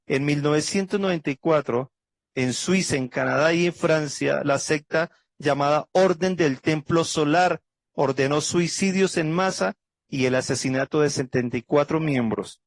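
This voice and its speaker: A man's voice: a little high, normal speed, no room sound. A man pastor teaching a Bible study lecture, going methodically through dates and facts and closing with an earnest prayer. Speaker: pastor teaching a theology class.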